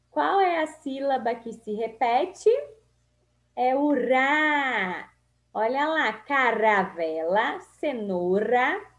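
Reading a spelling lesson for small children, this Brazilian woman teacher goes slowly, syllable by syllable, stretching each word into a sing-song. She has a Brazilian Portuguese accent, works as a primary school teacher, and her voice sits a little high.

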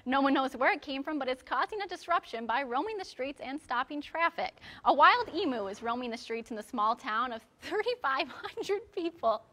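A woman's voice: sits high, animated, normal speed, few pauses, a bit bright. A young American woman anchoring television news, reading a scripted report in a studio on a lapel mic. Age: young adult. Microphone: lapel microphone.

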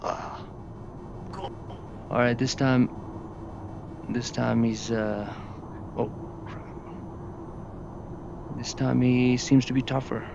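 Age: adult. Sex: man. Style: live gameplay commentary, tense, cursing. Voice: gravelly. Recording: muffled, lo-fi headset with steady hiss. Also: medium pitch, slow, long pauses. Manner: tense, swears and laughs under pressure. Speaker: gamer flying a jet in a VR flight sim.

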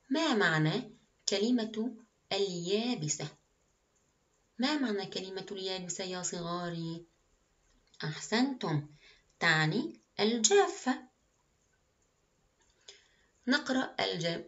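A woman teaching a primary school Arabic lesson, speaking slowly and clearly and often praising the children. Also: mid-range voice, highs cut off. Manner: slow, clear, encouraging teacher talk with frequent praise. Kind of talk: recorded classroom lesson.

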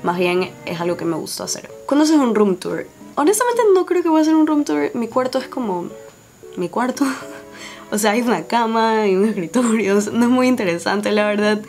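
A woman's voice: a little high, expressive, a little fast, a little mellow, faint music behind. A young woman in her twenties with a Guayaquil Spanish accent, chatting casually and laughing while she answers viewer questions and does her makeup in front of a camera. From Ecuador. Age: 20s. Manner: chatty, laughs often, filler-heavy. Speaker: beauty YouTuber. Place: small indoor room before a dark backdrop. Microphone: camera on tripod at head-and-shoulders framing.

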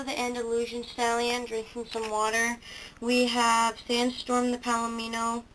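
A teenage girl with a fairly high, slightly bright voice gives a casual show-and-tell tour of the homemade model horse stable she films for her toy barn videos, hesitating with lots of ums and self-corrections. She's indoors, holding the camera close to the toys, and the low-quality recording has slight background noise.

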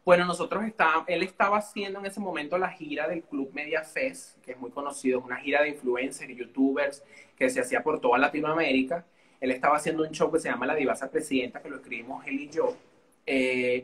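A young man with a Venezuelan accent, chatting as a guest in an interview with an animated, theatrical way of telling stories. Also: on the high side. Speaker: guest YouTuber. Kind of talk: casual interview chat.

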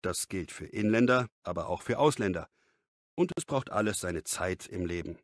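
Guy with a lowish voice reading a scripted interview, calm and explaining, dry sound. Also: moderate pace, no room sound. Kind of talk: scripted dialogue for a language lesson.

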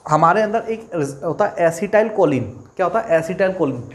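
Higher-voiced male biology teacher. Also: a little mellow. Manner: asks questions and answers them himself, repeats key terms. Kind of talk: exam-prep lecture.

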